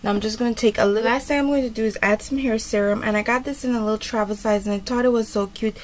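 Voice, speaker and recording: A woman's voice: on the high side, steady tone, fast. A woman vlogger talking casually through a hair tutorial, rambling with lots of fillers. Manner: chatty and rambling, many fillers. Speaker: beauty vlogger.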